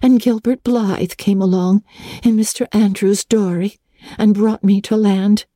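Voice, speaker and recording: A woman's voice: medium pitch, fairly even intonation, measured pace, warm tone, no echo, studio quality, pitched above the performer's own voice, close to an everyday voice. A woman reading aloud, voicing a talkative, imaginative orphan girl who speaks earnestly and theatrically.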